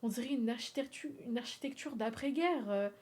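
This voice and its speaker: A woman from France chatting on a livestream, animated and swearing freely, laughing often and slipping in English phrases. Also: fairly high pitch, a little fast. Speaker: streamer. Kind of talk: casual livestream chat.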